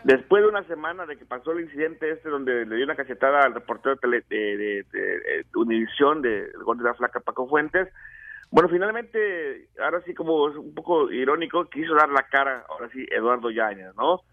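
A man reporting entertainment news on a radio show, halting and stumbling over his words. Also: medium pitch, expressive, no room sound, narrow, tinny audio. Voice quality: halting, many fillers and restarts. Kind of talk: casual on-air report.

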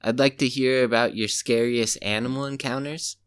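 A man's voice: mid-range voice, fairly even intonation, normal speed, clear, resonant tone, no room sound, clean studio sound. A man co-hosting a podcast, reading out listener questions and chatting in an easygoing way. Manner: easygoing, reads questions aloud, laughs often. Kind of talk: casual chat.

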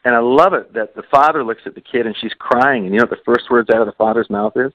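A man on a podcast speaks earnestly and leans on repetition, saying key phrases again and again. His voice sits at an ordinary middle pitch. It is recorded dry and close with a slightly dull tone. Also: fast, no echo. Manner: earnest, repeats phrases for emphasis. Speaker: podcast co-host. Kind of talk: podcast conversation.

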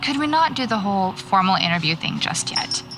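In a naturalistic audio drama, an American actress plays a dry, terse horror writer who keeps people at arm's length. Here her mid-range voice has lively intonation and a brisk pace, the acting is light, and music plays underneath.

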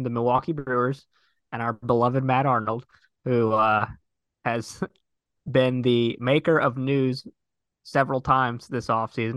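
A man's voice: medium pitch, a bit bright, no echo. A man hosting a sports podcast, chatting casually in an upbeat way with frequent fillers. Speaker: podcast host.

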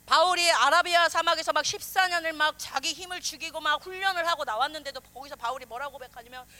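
A woman pastor preaching a sermon, animated, questioning the congregation and acting out quoted voices. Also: high voice, quick pace.

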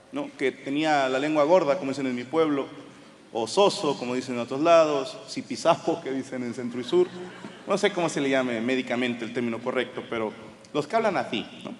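A Mexican man with a Mexican accent performing stand-up comedy, telling a profane, animated story to a live audience. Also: a little high. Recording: live hall with crowd and noise. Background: audience laughter and murmur.

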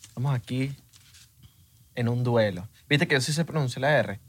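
A man's voice: medium pitch, normal speed, husky. A young man co-hosting a podcast, talking in playful, laid-back casual chat. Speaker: podcast co-host.

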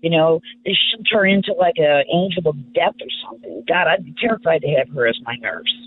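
A woman's voice: low voice, lively intonation, a little fast, breathy edge. A woman calling in to a talk radio show, her voice muffled as if heard through a door over a speakerphone. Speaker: caller. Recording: muffled phone line with faint hum.

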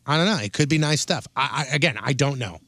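A man's voice: mid-range voice, lively intonation, fast, a bit bright, no room sound. A man co-hosting a radio show, bantering casually and reading listings aloud.

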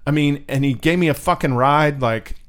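A man's voice: a little high, moderate pace. A man in his forties hosting a casual interview, rambling through stories and swearing freely with self-deprecating humor. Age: 40s.

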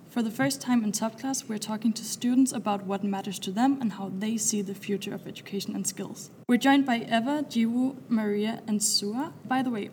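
A woman's voice: a little high, a little mellow, a little hiss or hum. A woman co-hosting an education podcast, introducing the guests and asking questions in a friendly, plain way. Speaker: podcast co-host.

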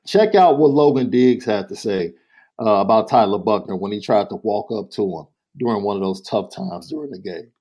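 A man hosting a sports talk show, playful and quick to laugh, who cuts in to steer the conversation and cue clips. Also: lowish voice, lively intonation, mellow. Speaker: host.

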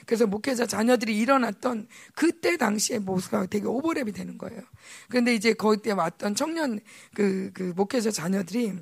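A woman, a pastor's wife, preaching a conversational sermon during a church service and telling lively stories that act out the people in them. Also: medium pitch, gravelly, breathy edge. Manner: animated storytelling, acts out quoted voices.

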